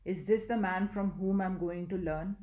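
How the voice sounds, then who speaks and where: A woman's voice: medium pitch, moderate pace, mellow, dull audio, close to an everyday voice. A woman reading the lines of a proud, hot-tempered young male ascetic in an echoey room. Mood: indignant.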